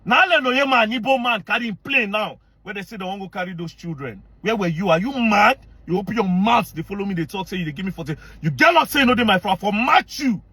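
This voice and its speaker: A man's voice: sits high, expressive, fairly quick, few pauses, pushed and bright, husky, no room sound. A man with a Nigerian accent delivering a heated, confrontational rant to camera, mixing Pidgin into his English. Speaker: online commentator.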